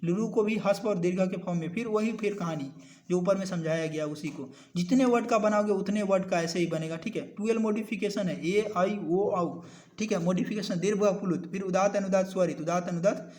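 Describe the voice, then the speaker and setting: Guy teaching a recorded lesson, pretty high voice, keeps going "okay?" and quizzing the class, slows way down to dictate definitions. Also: a little mellow. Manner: explains in a mix of two languages and keeps asking the class questions; ends points with a habitual "okay". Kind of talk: recorded lecture.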